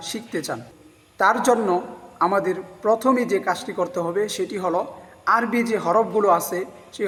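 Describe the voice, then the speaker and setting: A man teaching Arabic letter pronunciation calmly, drawing out each letter name as he says it. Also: high-pitched, husky, in a large hall. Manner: calm, deliberate, drawn-out recited letter names. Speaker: Quran recitation teacher. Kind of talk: slow instructional explanation of letter pronunciation.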